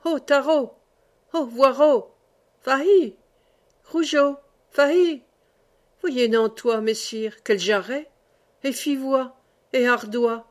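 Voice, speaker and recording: A rough medieval huntsman shouts his hounds' names in a hearty voice, as a woman reads him aloud. The voice sits fairly high. It is an audiobook reading. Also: steady tone, slow pace. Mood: rousing.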